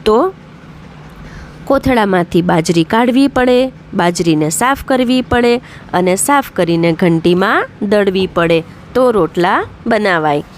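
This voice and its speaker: A woman's voice: medium pitch, expressive, a little slow, slight background noise. A woman teacher, reading out workbook questions and then giving each answer. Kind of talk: slow explanatory workbook lesson.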